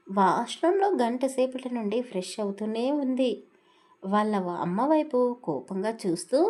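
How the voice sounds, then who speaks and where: A woman storyteller reads a romantic audio story in a fairly high voice. Her delivery is expressive, and she acts out the characters' speech. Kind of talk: scripted story narration.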